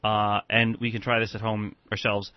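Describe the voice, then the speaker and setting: A man's voice: on the low side, level tone, normal speed, dry recording. A man with an American accent hosting a casual radio interview. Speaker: radio show host. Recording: dull lo-fi radio sound.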